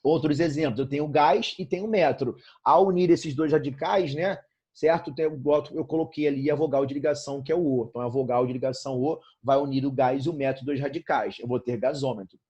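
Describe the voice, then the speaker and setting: A man's voice: mid-range voice, fairly quick, mellow, breathy edge, highs cut off. A man from Brazil with a Brazilian Portuguese accent, teaching a grammar lesson in an upbeat way and checking in constantly with his students. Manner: addresses students familiarly as "irmão" and "galerinha".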